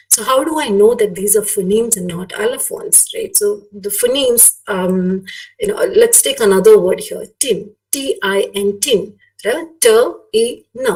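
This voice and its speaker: Her voice is medium-pitched and somewhat dark, with lively intonation and a measured pace. This woman, a guest lecturer whose first language is Malayalam and who has a Malayali Indian English accent, explains her material conversationally in an online webinar, frequently using tag questions to seek agreement. The webinar audio comes through a distant mic.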